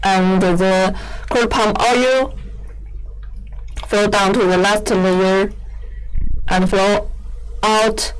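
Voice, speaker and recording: Female product demonstrator, smooth clear tone, very slow delivery, halting non-fluent English, explanatory. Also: medium pitch, poor audio. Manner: halting, hesitant phrasing with repeated words. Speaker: equipment company presenter giving a machine demo.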